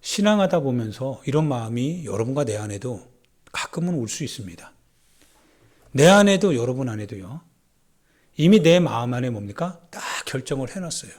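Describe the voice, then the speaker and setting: A male pastor delivering a Sunday sermon in an animated, conversational way, at times dropping to a soft near-whisper. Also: mid-range voice, normal speed. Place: church sanctuary.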